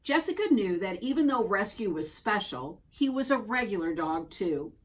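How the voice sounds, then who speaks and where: A woman reads a children's picture book aloud like a storyteller, very animated in a mid-range voice. She delivers it expressively and deliberately, stretching out the key words.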